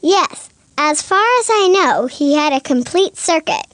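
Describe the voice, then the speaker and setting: In an animated educational courtroom cartoon, a woman voices an earnest young boy who assists a lawyer and asks eager, methodical questions. Her voice sits high and sounds expressive, a little slow and a bit bright, with no echo.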